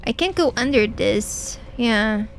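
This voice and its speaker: A woman's voice: a little high, lively intonation, takes it slowly, vocal fry, slight background noise. A young adult woman streaming a video game, chatting playfully with her viewers and answering their messages with mock anger and jokes. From Portugal. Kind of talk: casual gameplay commentary chatting with viewers.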